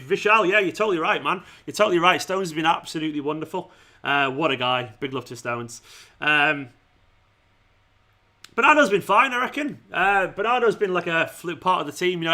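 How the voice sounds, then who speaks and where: A male host of a fan channel football watchalong stream chats casually with viewers in a bright, fairly high voice that's slightly worn as he loses it. His manner is informal and matey, with frequent "man," "mate" and "pal."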